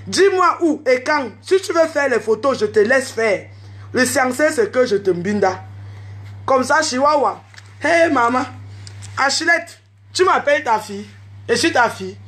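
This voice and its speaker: A woman, telling a story in an animated, unscripted rant to camera and mixing in street slang. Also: high voice, unhurried. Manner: exclaims and calls out to others. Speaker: online video host.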